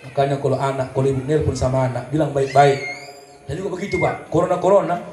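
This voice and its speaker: A man's voice: mid-range voice, quick pace. A man preaching a comedic sermon at a religious celebration, with a North Sumatran accent, joking and acting out quarrels between couples. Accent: North Sumatran Indonesian. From North Sumatra, Indonesia. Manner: lively, joking, acts out quarrels, sings snatches. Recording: echoey hall with faint noise.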